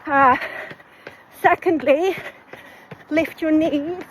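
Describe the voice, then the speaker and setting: Female vlogger, breathless while running, higher-pitched voice, unhurried broken phrases, faint outdoor noise. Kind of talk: casual vlog talk to camera. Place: outdoors on the move. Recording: noisy outdoor running recording.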